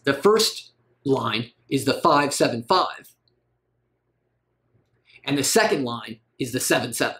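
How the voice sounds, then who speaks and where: A man's voice: mid-range voice, fairly bright tone. A man giving a recorded literature lecture, asking rhetorical questions and rising on emphatic words.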